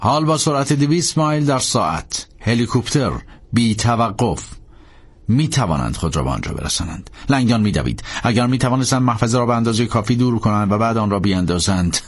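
A man narrating an audiobook dramatically, swinging from tense to hushed. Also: fairly low pitch, husky.

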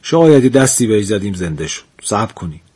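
A man voicing a calm, shrewd wandering dervish in a folk tale. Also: on the low side, husky.

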